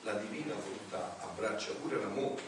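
A man, a friar, teaching a community in an animated way, reading passages aloud and joking with his listeners. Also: fairly low pitch, moderate pace, slight background noise. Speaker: friar preacher. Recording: echoey room recorded from far off.

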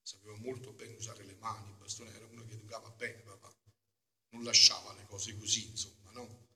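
A man, a friar, preaching a homily in a casual, emphatic way, often checking in with his listeners with a quick question. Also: on the low side, flat delivery. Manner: emphatic, keeps asking the congregation "no?"; swells loud on key phrases, then drops to quiet asides. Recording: long church reverb.

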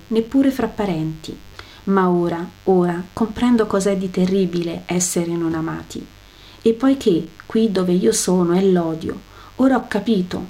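A woman's voice: mid-range voice, darkish tone, natural voice. Woman voicing a weeping damned rich man. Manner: weeping, desperate pleading. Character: tormented damned rich man begging from hell.

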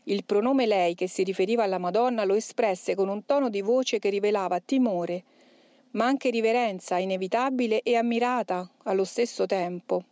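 Woman narrator, measured and solemn first-person reading, dry close sound. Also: mid-range voice, darkish tone, no echo.

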